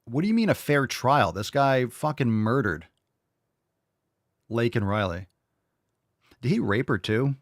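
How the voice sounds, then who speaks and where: A man's voice: mid-range voice, creaky, dry recording, studio quality. Blunt, profane male commentary host. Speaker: show host. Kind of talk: casual live commentary.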